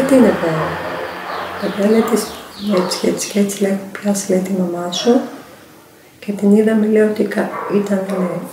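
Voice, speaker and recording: A woman's voice: medium pitch, echoey room, background noise. An older woman, a grandmother, giving an emotional documentary testimony full of quoted back-and-forth. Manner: retells events with many quoted exchanges. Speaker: interviewee, grandmother.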